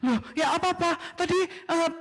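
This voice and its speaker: A man's voice: very high voice, normal speed, a bit bright, voice pushed up. A man voicing a worried, flustered couple, fretting back and forth. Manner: flustered fretting with Javanese words. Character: worried flustered Javanese husband and wife bickering.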